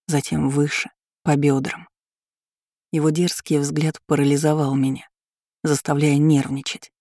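A male audiobook reader narrating a first-person novel in a steady, measured voice. His tone is mellow and dark with a rather flat melody, slightly higher than most men. The studio sound is dry and close. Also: no echo.

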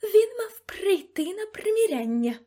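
A woman reading an audiobook voices a temperamental older female seamstress who talks shrilly and loudly, with sharp outbursts. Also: very high voice, very animated, unhurried, voice pushed up, exaggerated voice. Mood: stern.

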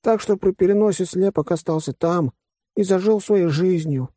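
A man's voice: sits high, normal speed, dark tone, no room sound, clean studio sound, voice pushed up. A man voicing a timid, thoughtful furry male alien in an audiobook, speaking carefully and formally. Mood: musing.

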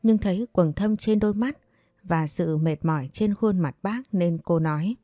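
Low mellow woman storyteller. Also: normal speed, no room sound, studio quality. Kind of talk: scripted story narration.

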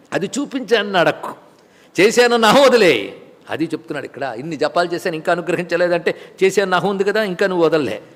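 A spiritual teacher with a high voice gives a Bhagavad Gita discourse in a room with a big, echoing sound. He unpacks each verse by repeating its key words and posing rhetorical questions.

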